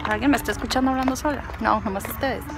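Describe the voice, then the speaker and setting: A woman with a Mexican accent races through her words in a fairly high voice, music playing behind her. She's vlogging casually on a walk through an outdoor park, rambling playfully to the camera and to herself.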